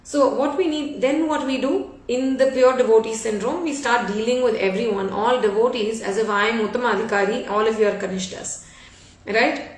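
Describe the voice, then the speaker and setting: A woman's voice: fairly high pitch, normal speed, distant mic. A woman giving a devotional talk, telling a story conversationally with frequent fillers and restarts. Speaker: devotional speaker. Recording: echoey room, voice off-mic.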